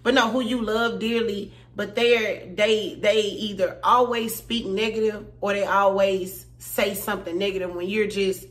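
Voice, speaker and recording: A woman's voice: mid-range voice, level tone, a little slow, hardly any pauses. A woman co-hosting a podcast in casual chat, blunt and emphatic, repeating her points and swearing freely. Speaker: podcast co-host.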